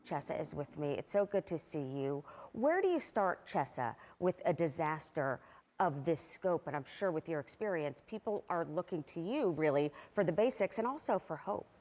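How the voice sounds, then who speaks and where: This is a woman in a broadcast news interview. She speaks as the anchor, in a voice pitched on the low side for a woman, putting questions in full, presented phrases. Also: lively intonation, moderate pace, darkish tone.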